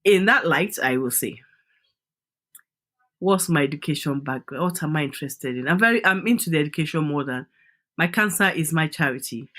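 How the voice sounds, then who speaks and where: A woman's voice: sits low, lively intonation, moderate pace, fairly bright tone. Middle-aged Nigerian woman, Nigerian accent, emphatic interview guest. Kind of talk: podcast interview.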